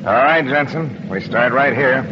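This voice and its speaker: A man's voice: medium pitch, expressive, measured pace, natural voice. Muffled, grave navy captain acted by a man. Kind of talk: old radio war drama acting. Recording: muffled, noisy old radio recording.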